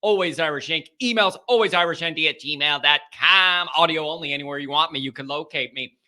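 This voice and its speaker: A sports podcast host chats casually and energetically, opening loudly, though his voice sounds strained. He speaks briskly at a fairly high pitch.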